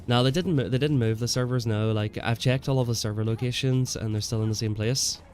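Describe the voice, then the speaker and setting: Music plays behind a young gaming streamer who's stuffy with a cold and chats laid-back with viewers as he plays. He answers chat, drops "man" and "bro" often, and talks briskly in a mid-range voice with fairly even intonation.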